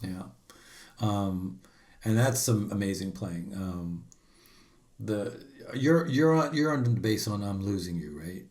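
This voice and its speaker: Eager low-voiced radio host. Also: male voice, slow, darkish tone. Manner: enthusiastic, many fillers. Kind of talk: casual interview. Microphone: video call.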